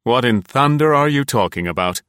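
A man reading aloud, voicing a shrewd older male detective who speaks with calm authority. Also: on the low side, normal speed, no room sound, close to an everyday voice. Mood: authoritative. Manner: dry, commanding, slightly amused.

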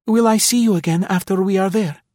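A man putting on a soft, wistful young woman. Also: brisk, no room sound, clean studio sound, natural voice. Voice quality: high, airy put-on voice. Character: young Russian woman, hopeful and affectionate. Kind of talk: storybook reading.

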